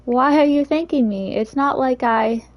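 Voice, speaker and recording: A woman's voice: sits high, measured pace, dull audio, pitched above the performer's own voice. A woman voicing a bratty teenage girl who bakes, talking in a huffy, defensive way. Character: bratty tsundere teen girl baker.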